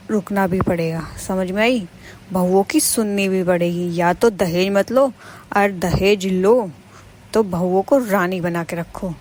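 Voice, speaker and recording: A woman's voice: mid-range voice, darkish tone, close to an everyday voice. A woman voicing a brash young daughter-in-law in a cartoon, lecturing and defiant. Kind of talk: animated cartoon voice acting.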